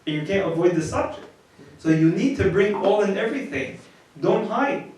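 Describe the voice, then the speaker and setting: An American priest with a fairly high, darkish-toned voice lectures expressively on marriage at normal speed, in plain, conversational language with frequent restarts and repeated words. He is far from the mic in a room so echoey that his voice bounces all around.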